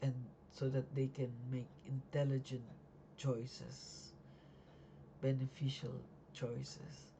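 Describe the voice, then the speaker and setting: Against a noisy background, a life insurance agent still new to the trade explains policies in a casual home video at night. The mid-range voice is raspy and sleepy, with little pitch movement, and the talk stumbles through fillers and restarts.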